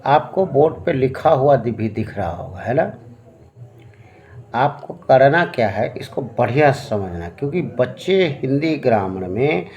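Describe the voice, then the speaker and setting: A man gives a grammar lesson to children in an unhurried, patient way. His voice sits at an ordinary middle pitch, and he drags out each point slowly. He keeps filling the gaps with soft hums and little check-ins. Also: big pitch swings, highs cut off, faint music behind. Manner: slow, patient, checks in with "है ना?" and fillers. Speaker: Hindi grammar teacher. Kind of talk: classroom lesson explaining at a board.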